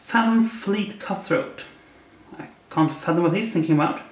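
At a normal speed and in a voice that sits high, a man hosts an easygoing unboxing, making wry puns about every card. His voice echoes around the unfurnished apartment room, with faint noise in the background.

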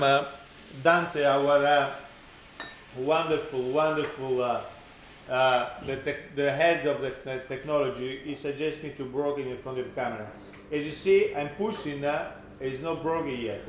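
A man with an Italian accent hosting a casual live cooking commentary, halting and often repeating his phrases. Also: mid-range voice. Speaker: cooking class host. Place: indoor professional kitchen. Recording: echoey kitchen with clear background noise.

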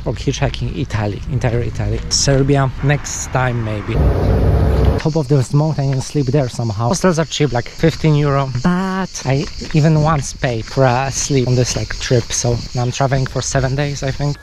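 Young man vlogging outdoors over loud noise. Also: medium pitch. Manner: plain, halting, non-native phrasing. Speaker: travel vlogger. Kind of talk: casual travel vlog narration. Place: outdoors on beaches, trails and streets. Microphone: handheld camera at arm's length.

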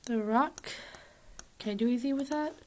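A woman's voice: on the high side, moderate pace, slight background noise. A woman commentating on her survival game as she plays, puzzled and grumbling to herself about how things work. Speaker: gamer. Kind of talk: gameplay commentary.

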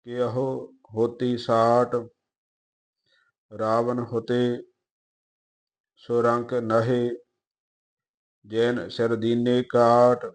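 Man, very slow measured recitation, steady flat pitch, pronunciation teacher. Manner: measured chanting recitation, quick quieter asides.

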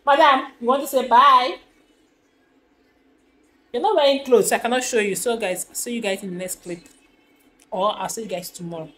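Here the same kind of speaker, a young Nigerian woman who stays home with her kids, talks at a normal speed with long pauses into a close-held phone camera in her home kitchen and rooms. There's a little hiss or hum in this casual vlog, and her chatty, sighing talk swings from tired, low murmurs to loud, excited outbursts.

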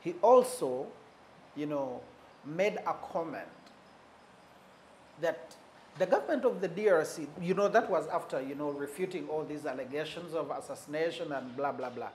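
A man giving unscripted commentary on politics, measured and pausing often, leaning hard on key words. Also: a little high, a little mellow, a little hiss or hum. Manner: stresses key words for emphasis.

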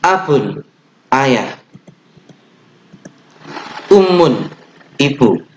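This young Indonesian-accented man leads a children's online lesson at a slow, patient pace, using fillers and correcting himself now and then. Very animated and medium in pitch, he chants the opening prayer; the echoey room carries a little hiss or hum.

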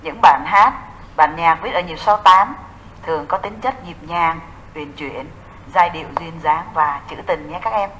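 A woman's voice: lowish voice, a little slow, a bit bright, highs cut off, a little hiss or hum. A woman teaching a recorded music theory lesson, explaining step by step and answering her own questions to the class.

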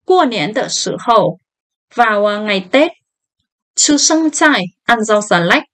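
A woman teaching a language lesson, reading each phrase slowly and then explaining it. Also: a little high, expressive, a bit bright. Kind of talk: slow line-by-line language lesson.

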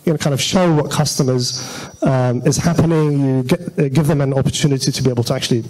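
In a rough recording from an auditorium stage at a meetup, a conference speaker delivers an informal technical presentation in a conversational, hesitant way. He talks quickly in a mid-range, darkish voice.

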